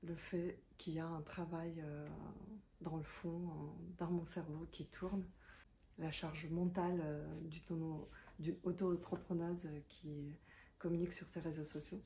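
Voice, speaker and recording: In her thirties or forties, this self-employed content creator delivers a reflective talking-head monologue in French, which isn't her first language. Her deep, mellow voice keeps a level tone and measured pace, full of hesitations, fillers and restarts, as she speaks in a thoughtful, confiding way. Slight background noise is present.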